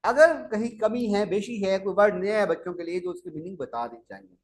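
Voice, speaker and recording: A man's voice: sits high, expressive, brisk. A man giving a lecture to teachers, explaining step by step and correcting himself as he goes. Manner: explanatory, repeats steps, corrects himself with "sorry". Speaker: teacher trainer.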